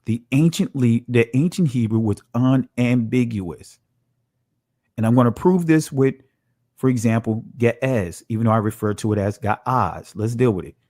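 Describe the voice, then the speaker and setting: A man teaching from slides, slow and emphatic, asking his listeners rhetorical questions. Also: mid-range voice, darkish tone, no room sound, studio quality.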